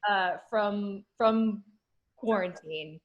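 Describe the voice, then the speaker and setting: A woman's voice: medium pitch, very slow, highs cut off. Woman, middle-aged, dry comic, chuckly, fillers, video call mic. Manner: dry jokes broken by frequent laughing and filler words. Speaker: comedian guest. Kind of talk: stand-up comedy on a video call.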